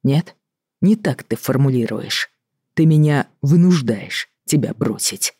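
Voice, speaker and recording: A reader voicing a tired, fed-up middle-aged doctor in an audiobook, reproachful and measured. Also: medium pitch, expressive, warm tone, breathy edge, dry recording, clean studio sound. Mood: weary. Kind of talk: audiobook reading.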